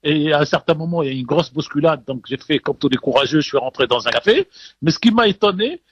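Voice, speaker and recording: A man's voice: a little high, slightly rough, no room sound. A man giving a live radio field report as a correspondent, hesitant with many fillers but emphatic.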